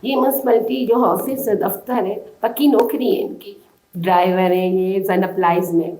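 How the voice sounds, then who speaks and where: A woman from Balochistan, Pakistan, pours out an urgent, pleading account to an interviewer. Her voice sits in the middle of her range and has a mellow, darker tone. The recording carries a noticeable roomy echo. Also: medium pitch, steady tone, a little hiss or hum. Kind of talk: emotional testimony to a reporter.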